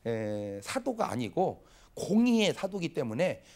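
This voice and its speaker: Middle-aged male pastor, fairly high voice that swings widely, folksy and animated sermon delivery. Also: a little slow. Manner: animated, folksy preaching with acted-out dialogue.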